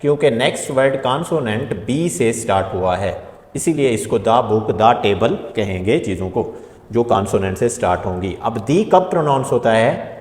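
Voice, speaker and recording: A man teaches beginner English grammar, pausing to spell out letters and stress each rule. His mid-pitched voice rings in a roomy space with a long, hanging reverb. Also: lively intonation, darkish tone. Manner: slow, deliberate spelling-out of letters and rules. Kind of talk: spoken English grammar lesson. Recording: echoey room with long reverb.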